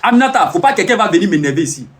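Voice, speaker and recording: High-voiced, animated man. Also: very fast, a little hiss or hum. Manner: boastful, teasing, repeats phrases over and over. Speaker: live streamer. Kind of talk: casual boastful live-stream talk.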